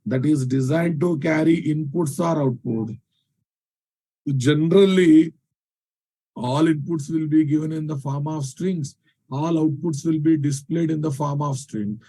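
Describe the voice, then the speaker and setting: Telugu indian guy teaching a coding class, highish mellow voice, says stuff twice and keeps asking if everyone gets it. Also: fairly even intonation, unhurried, rough recording. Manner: repeats phrases for emphasis, checks understanding with questions. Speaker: programming teacher. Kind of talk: live technical lecture.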